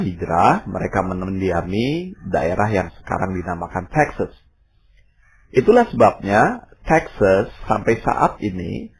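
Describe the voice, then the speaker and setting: A man, teaching an English lesson in a narrated recording, explaining step by step and saying example words slowly. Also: deep voice, slight background noise. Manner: explanatory, pauses with fillers, drills words slowly.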